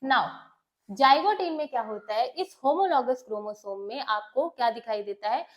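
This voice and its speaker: A woman teacher speaks in a high, clear voice. She walks through the lesson step by step, posing questions and answering them herself while mixing Hindi with English terms. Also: lively intonation, normal speed, dull audio. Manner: explains step by step, asks and answers her own questions. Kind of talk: bilingual classroom lecture.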